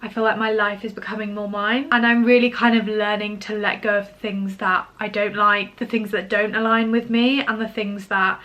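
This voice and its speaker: A woman's voice: mid-range voice, little pitch movement, moderate pace, few pauses, highs cut off. A woman, chatting casually to camera in an upbeat Q&A vlog, full of "like" and "do you know what I mean". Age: 20s. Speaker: lifestyle vlogger.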